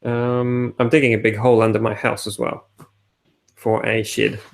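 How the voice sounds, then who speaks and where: A man's voice: on the low side, little pitch movement, normal speed, vocal fry. A man co-hosting a casual podcast, talking in a hesitant, matter-of-fact way with many fillers. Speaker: podcast co-host. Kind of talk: casual chat.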